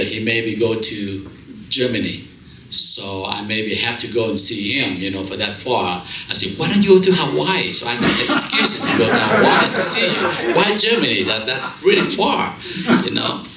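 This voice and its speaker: A Vietnamese man in his fifties, a guest speaker at a church fellowship hall, tells his life story to a men's group in broken, accented English, slipping in jokes. His fairly low voice is bright and forceful, captured in a rough, reverberant recording with some hiss or hum.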